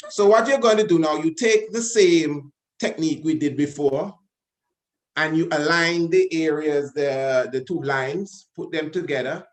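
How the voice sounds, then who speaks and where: On a video-call webinar, a male panelist with a fairly high voice guides the audience through an exercise. He's animated and commanding, repeats himself for emphasis, and doesn't hurry.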